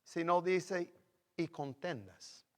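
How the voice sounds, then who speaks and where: Middle-aged pastor man preaching real slow, kinda high voice, big echoey church. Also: lively intonation. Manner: slow preaching with sudden loud rises on acted quotes. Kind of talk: sermon. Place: church sanctuary. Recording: long reverb of a church hall.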